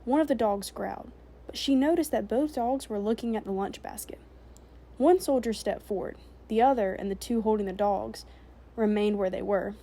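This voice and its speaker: A woman narrating a novel chapter aloud in a steady, measured storytelling voice. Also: medium pitch.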